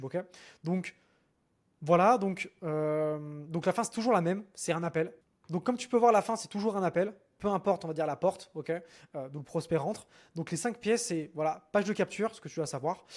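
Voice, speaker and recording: A man with a slightly mellow, higher-pitched voice gives a screen-share lesson on marketing funnels. He talks fast and informally, with lots of fillers and restarts, often checking in with the viewer by saying "ok?"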